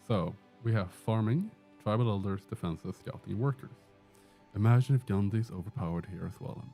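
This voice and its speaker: At a moderate pace, a man with a lowish, gravelly yet warm voice streams gameplay live, joking and taking questions from chat. He's from Sweden and has a Swedish accent, and faint music plays in his indoor room with a door.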